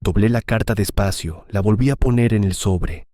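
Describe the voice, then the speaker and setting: Low, dark-voiced male narrator. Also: normal speed, no room sound, studio quality. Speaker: story narrator. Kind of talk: scripted first-person story narration.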